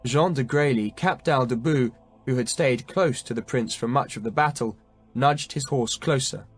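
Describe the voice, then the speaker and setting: A man narrates a historical battle novel in a measured, dramatic way. His voice sits in a middle pitch, and faint music plays beneath him. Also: husky. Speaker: audiobook narrator. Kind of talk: scripted narration.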